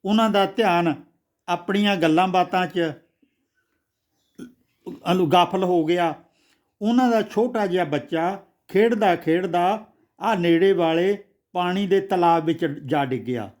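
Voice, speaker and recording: A man's voice: sits high, measured pace, long pauses, darkish tone. A man voicing a resentful young man who talks in a rude, bitter tone in a storybook. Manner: rude, blunt tone.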